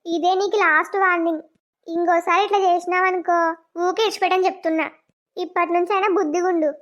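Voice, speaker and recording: Lady doing a sharp young cartoon wife, super high voice, twang, muffled lo-fi sound. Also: fairly even intonation, quick pace. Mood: scolding. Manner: scolding, blunt village speech. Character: stern young wife, sharp-tongued when crossed. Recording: dull lo-fi cartoon audio.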